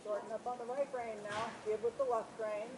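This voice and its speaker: A woman riding instructor giving brisk, projected commands in a lesson, mixed with short encouraging praise. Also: fairly high pitch, fairly even intonation. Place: riding arena. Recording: noisy riding arena, horse sounds behind.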